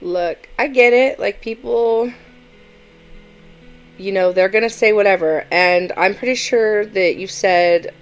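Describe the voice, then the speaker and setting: A woman with a fairly low voice talks through a reaction video in a loose, offhand way. She is opinionated and chatty and hedges with lots of "um" and "I mean.". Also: poor audio. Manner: chatty and opinionated, many fillers. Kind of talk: casual reaction commentary.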